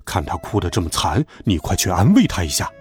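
A man voicing a soft-hearted but stern father in a children's story, speaking low and grumbling. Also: sing-song, brisk, soft background music.

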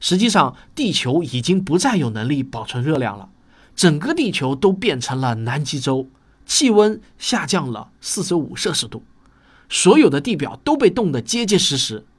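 A male narrator with a fairly high voice and very animated intonation. He delivers scripted popular science in the manner of a nature documentary, explaining step by step as if telling a story. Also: normal speed, husky. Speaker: host of a popular science audio series.

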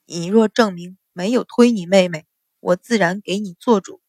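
A woman's voice: mid-range voice, moderate pace, a little mellow, no room sound, studio quality, pitched below the performer's own voice, close to an everyday voice. A woman voicing a stern middle-aged father, an official, speaking coldly and scolding.

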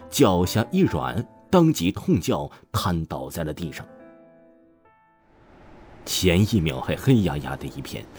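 A man narrating an audiobook with dramatic storytelling. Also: low voice. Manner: dramatic storytelling, voices all roles. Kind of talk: scripted narration. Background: soft background music.

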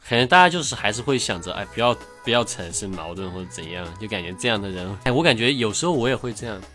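A man hosting a podcast, chatting casually in a relaxed, rambling way that trails off quietly at the ends of his thoughts. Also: fairly low pitch, quick pace, faint music behind. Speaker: podcast host. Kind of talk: casual chat.

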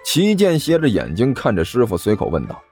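Lively male storyteller. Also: mid-range voice, brisk, slightly rough, faint music behind. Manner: lively, expressive reading. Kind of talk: storytelling narration.

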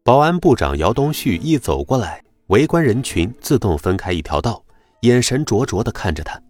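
A man narrating a web novel audiobook in an expressive storytelling manner. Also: mid-range voice, normal speed.

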